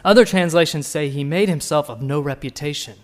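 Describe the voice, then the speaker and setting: A man preaches a sermon, putting questions straight to his listeners and moving between hushed and emphatic delivery. His voice sits on the high side, and he speaks a little fast.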